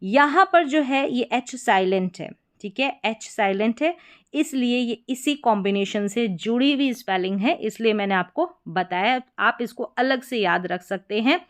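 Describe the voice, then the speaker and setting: A woman teaches English reading, patiently spelling words letter by letter, repeating each pronunciation, and checking in with brief affirmations as she explains spelling patterns step by step. Her voice is fairly high, animated, and a little slow.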